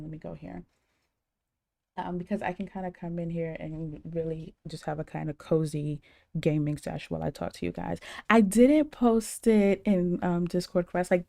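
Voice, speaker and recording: A woman's voice: lowish voice, warm tone. A young adult woman streaming a game and chatting casually with her viewers, rambling with many ums and greetings.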